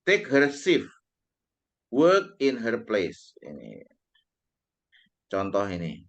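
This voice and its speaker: A man teaching an online English class, explaining slowly and stressing the English phrases he quotes. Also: lowish voice, huge pitch swings, highs cut off. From Indonesia.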